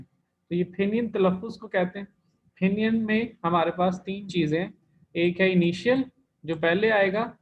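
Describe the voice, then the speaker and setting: A man teaching an online language class, explaining patiently step by step and repeating key terms. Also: sits high. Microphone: computer mic in an online class. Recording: dull lo-fi online class recording.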